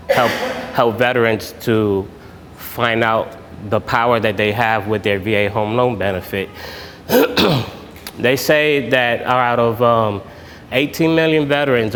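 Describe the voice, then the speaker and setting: A lower-voiced man speaks informally to a room, often pausing on filler sounds and restarting his sentences. His voice carries the long echo of a hall, with faint background noise. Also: a bit bright. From Puerto Rico. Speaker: military veteran speaking at a networking event. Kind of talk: informal public talk. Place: event room.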